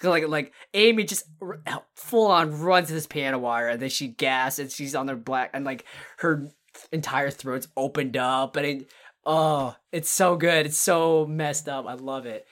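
A woman with a notably low voice co-hosts a casual podcast. She talks in long, rambling runs, stopping and restarting her sentences and leaning on fillers as she retells scenes with enthusiasm. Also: unhurried. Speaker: podcast co-host. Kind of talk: casual podcast chat about horror films.

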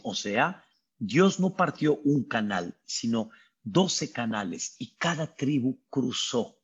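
A man with a Mexican accent giving a sermon as a rabbi, telling the story dramatically and acting out the people's voices with high cries. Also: expressive, slow pace, breathy edge. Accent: Mexican Spanish. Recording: dull lo-fi recording.

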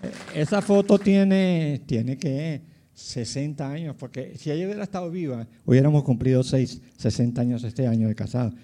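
A Colombian pastor in his nineties tells his life story as personal testimony, rambling casually with many fillers and asides to his listeners. His mid-range voice is expressive and dark in tone, at a normal speed.

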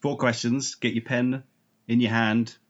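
A man's voice: medium pitch, little pitch movement, measured pace, dull audio, lightly acted. A man playing a drunk, bumbling older male university lecturer in an improvised comedy sketch, rambling and evasive. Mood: bumbling, boozy.

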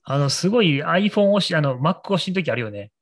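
A man's voice: on the high side, animated, slight background noise. Playful man telling anecdotes. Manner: playful storyteller, quick to agree. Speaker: podcast co-host. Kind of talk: casual tech chat.

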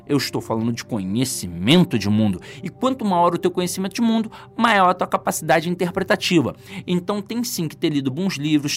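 A man with a Brazilian accent teaching an exam-prep lesson in a casual, joking way, asking himself questions as he goes. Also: on the high side. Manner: lively, joking, asks himself rhetorical questions.

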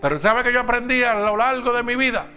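A man's voice: extremely high pitch, quick pace, pushed and bright, faint music behind. A man preaching a sermon, talking straight to the congregation with emphatic questions.

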